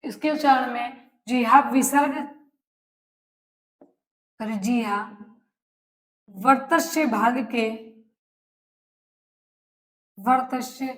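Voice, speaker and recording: A woman teacher giving a lesson, repeating each phrase slowly for students to write down and answering her own questions. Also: on the high side. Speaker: Hindi teacher. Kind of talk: classroom lesson, dictating notes. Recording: echoey room.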